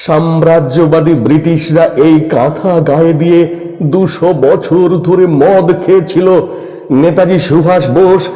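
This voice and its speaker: An actor playing a crazed, impassioned patriotic shepherd in a hammy, declamatory Bengali folk-theatre monologue, with repeated cries and dramatic pauses. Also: male voice, on the high side, steady tone, dark tone, close to an everyday voice. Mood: impassioned, pleading. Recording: dull, echoey hall-like stage recording.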